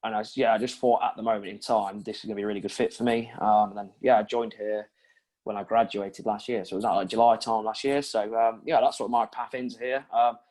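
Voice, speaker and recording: A man's voice: on the low side, level tone, fast talker, darkish tone. A young man in his twenties from Yorkshire, answering interview questions in a chatty way with many ums. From Yorkshire, England. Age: 20s. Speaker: recruitment consultant, interviewee.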